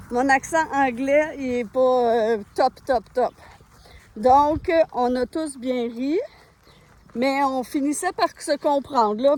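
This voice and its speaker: A woman with a Quebec French accent, chatting casually and slowly with light humor while walking a rural trail, filmed on a handheld phone. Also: high voice, darkish tone. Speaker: vlogger on a pilgrimage walk.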